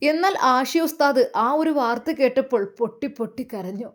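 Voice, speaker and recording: A woman's voice: high-pitched, expressive, moderate pace. A woman narrating a dramatic story in an emotive way.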